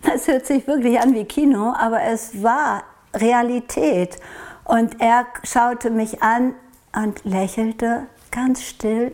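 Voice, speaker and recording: Woman from norway, slightly high voice, talks slow and hesitant, keeps pausing to find the word. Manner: hesitant, searching for words, soft and reflective. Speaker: interviewee. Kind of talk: recounting a personal experience in an interview.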